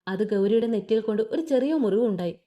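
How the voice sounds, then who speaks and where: Expressive woman storyteller, lively voice. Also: fairly high pitch, a little fast. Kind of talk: audio story narration.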